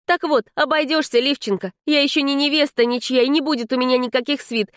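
A woman voicing a proud, touchy young vampire woman in an audiobook, speaking in a sharp, scolding way. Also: sits high, fast, dry recording, studio quality, voice pushed up, lightly acted. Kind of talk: audiobook character reading.

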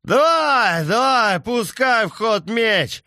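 A man's voice: a little high, big pitch swings, slow pace, no echo, clean studio sound, voice pushed up. A man voicing a bitter, unhinged drunk villager who slurs, rants and cackles shrilly, in an audiobook. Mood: raging. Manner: slurring, ranting, cackling shrilly.

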